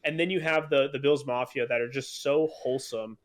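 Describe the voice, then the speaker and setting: A man's voice: medium pitch, steady tone, a little fast. A man co-hosting a casual sports podcast, rambling with many fillers and restarts, enthusiastic as a fan. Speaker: podcast co-host.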